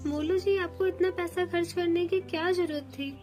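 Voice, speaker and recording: Woman voicing a gentle young sparrow wife. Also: very high voice, steady tone, moderate pace, over music, pitched above the performer's own voice. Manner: soft and polite.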